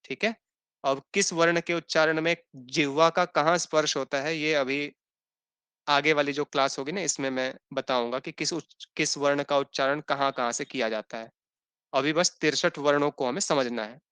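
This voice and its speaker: A man's voice: a little high, fairly even intonation, a bit bright, clear, resonant tone, no echo. A man teaching an online language class, patiently repeating definitions for students to note down and checking in often. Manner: patient, repeats points slowly for note-taking; checks in with "thik hai" and "hai na". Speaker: Sanskrit teacher.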